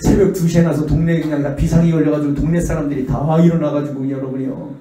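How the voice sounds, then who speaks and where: Middle-aged male pastor, lively storyteller, fairly high voice, heard from afar in a reverberant hall. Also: fast talker. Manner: animated, acts out the voices in his stories. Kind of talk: revival sermon with storytelling. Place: church sanctuary. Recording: echoey church hall, distant mic.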